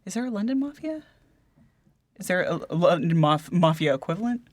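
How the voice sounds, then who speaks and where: A woman's voice: fairly low pitch, very animated, fairly quick, a little mellow, dry recording. A woman co-hosting a casual book podcast, talking hesitantly with lots of fillers and restarts. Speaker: podcast co-host.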